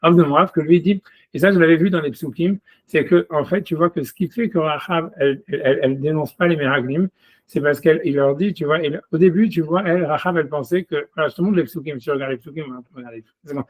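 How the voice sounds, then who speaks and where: A man's voice: fairly high pitch, fast talker. A rabbi leading a casual one-on-one text study over a video call. He talks in a chatty way, fills nearly every phrase with "you see", and reads scripture aloud in Hebrew.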